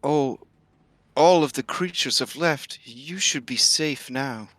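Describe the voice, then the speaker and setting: Man voicing a slow, mournful talking tree. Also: medium pitch, a bit bright, no room sound, pitched above the performer's own voice. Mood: slow, reassuring. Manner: slow, drawn-out, solemn talking-tree delivery.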